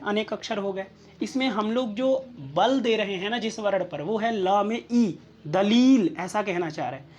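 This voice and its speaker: A woman tutor explaining exam questions and answers step by step, checking in with the listener with small rhetorical questions. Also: medium pitch.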